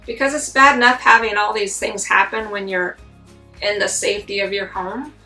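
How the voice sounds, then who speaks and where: A woman's voice: medium pitch, steady tone, normal speed, bright, forceful tone. A middle-aged woman telling a personal story in a casual, earnest and candid way, as a vlogger. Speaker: vlogger recounting RV life. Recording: slightly distant mic, music underneath.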